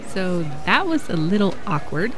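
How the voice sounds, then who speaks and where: A flustered, prim soap-opera lady, voiced by a man. Her high falsetto jumps up and down expressively. Music plays behind her. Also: big pitch swings, normal speed, a bit bright. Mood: polite.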